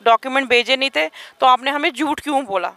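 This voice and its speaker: A woman's voice: high-pitched, fairly quick, sharp tone. A woman giving an urgent, aggrieved account as an interviewee, speaking outdoors. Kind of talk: emotional testimony.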